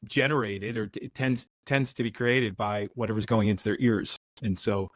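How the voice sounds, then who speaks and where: This podcast guest is a middle-aged man from the United States with an American accent. Speaking at normal speed in a fairly low pitch, he casually recounts career stories, frequently restarting sentences. The recording has no room sound.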